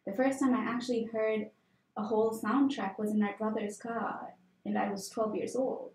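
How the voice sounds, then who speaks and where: Guest: young woman from Tanzania, candid, chatty, slightly high mellow voice, echoey room. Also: fairly even intonation, normal speed. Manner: candid personal storytelling with fillers. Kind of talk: conversational interview.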